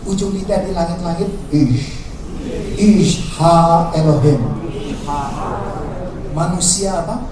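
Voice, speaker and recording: A pastor preaching a lively sermon, acting out quoted lines in a raised voice. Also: male voice, high voice, slow pace, long pauses. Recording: echoey hall, distant mic, background noise.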